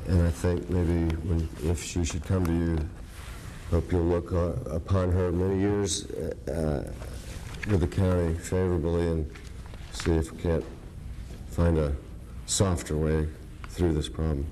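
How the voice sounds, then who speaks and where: A man speaking as an official in a government meeting, halting and hesitant, with a quiver in his voice. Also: deep voice, flat delivery, mellow, a little hiss or hum, low-quality recording. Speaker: county official. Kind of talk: unscripted formal remarks at a government meeting. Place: indoor government meeting room.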